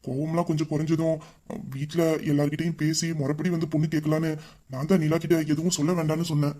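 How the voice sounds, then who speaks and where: Gentle young fiancé, man performing, high, dark, soft and quick, audio drama. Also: flat delivery, lightly acted. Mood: apologetic. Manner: soft, soothing, hushed.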